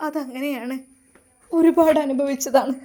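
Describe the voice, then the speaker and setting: Hushed, subdued grieving woman, woman narrator voices her, high-pitched storytelling. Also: a little slow. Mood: hushed, bitter. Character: grieving older woman, quiet and bitter.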